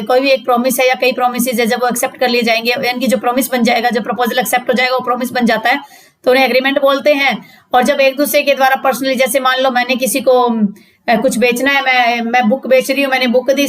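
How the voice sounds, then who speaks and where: Woman law tutor, high-pitched, patient step-by-step explainer who quizzes her class. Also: fairly bright tone. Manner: explains step by step, repeats questions and answers to students. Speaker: law teacher. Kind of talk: spoken lecture reading out legal text.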